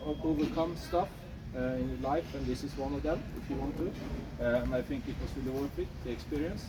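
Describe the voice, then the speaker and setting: A man's voice: mid-range voice, quick pace, distant mic. A man from Sweden giving a casual trekking testimonial, hesitant with many fillers. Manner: hesitant, many uhs and ums, agreeable. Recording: noisy outdoor recording with vehicles.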